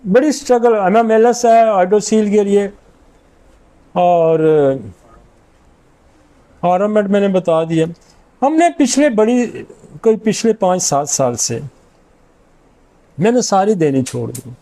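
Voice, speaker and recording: Middle-aged male homeopath, high pitch, soft mellow tone, self-assured lecturer who reels off remedy lists. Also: lively intonation, long pauses. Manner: confident, rattles off long lists of remedies. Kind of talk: informal medical lecture.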